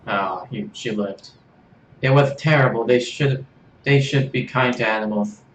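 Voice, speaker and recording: A man's voice: mid-range voice, unhurried, distant mic, muffled recording, a little hiss or hum. A man streaming a video game, chatting casually with jokes and self-deprecating asides. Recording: roomy room, faint game music.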